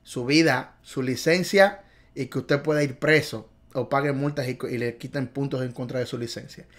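A man's voice: medium pitch, moderate pace. A man tutoring for a driving theory test, exuberant and playful, repeating key points over and over. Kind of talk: video lesson.

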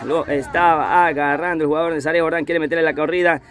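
A man's voice: on the high side, steady tone, fast talker, a crowd in the background. A man giving live play-by-play football commentary, repeating his phrases over and over. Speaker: amateur football match commentator. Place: outdoors at a football pitch.

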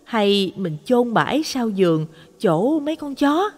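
A woman's voice: on the high side, big pitch swings, a little slow, darkish tone, big-room sound. A woman voicing a frightened village wife who speaks in a trembling, pleading voice.

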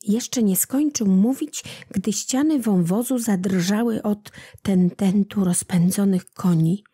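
A woman narrating a storybook legend in a calm, unhurried reading voice. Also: mid-range voice, slightly rough, no echo. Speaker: audiobook narrator.

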